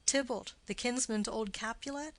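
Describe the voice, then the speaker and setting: A woman voicing a level-headed young male cousin and peacemaker in an audiobook play reading, with plain, steady replies. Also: on the high side, moderate pace, natural voice.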